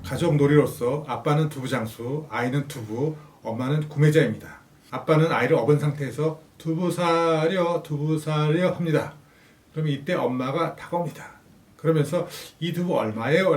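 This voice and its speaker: A man calmly reading a scripted explanation of parent and child play games. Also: mid-range voice. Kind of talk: scripted instructional narration. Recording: roomy, distant voice-over with faint music.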